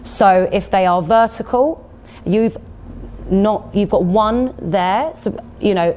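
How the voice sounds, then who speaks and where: A woman's voice: medium pitch, slow pace, darkish tone. A woman with an Essex accent tinged with Cockney, giving a health talk and fielding questions in a chatty, explanatory way. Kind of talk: informal talk with audience questions.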